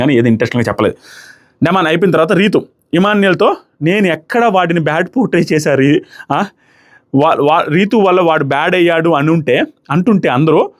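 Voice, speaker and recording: Young guy rattling off a show recap, fast and a bit high, acts out the quotes. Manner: fast animated retelling, acting out quotes. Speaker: reality show reviewer. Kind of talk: casual commentary.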